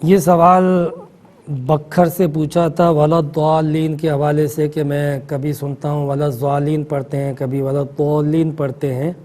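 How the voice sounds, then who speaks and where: A middle-aged man, a mufti answering callers' questions in a calm, explanatory manner. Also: fairly high pitch. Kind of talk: religious call-in answers.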